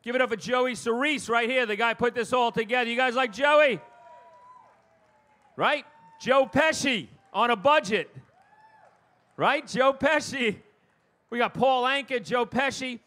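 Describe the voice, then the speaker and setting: A middle-aged male stand-up comedian from Long Island, New York, with a New York accent, performs his routine at a live comedy show before an audience. His voice is very high and forceful, at a measured pace with frequent pauses, as he delivers punchy, self-deprecating one-liners.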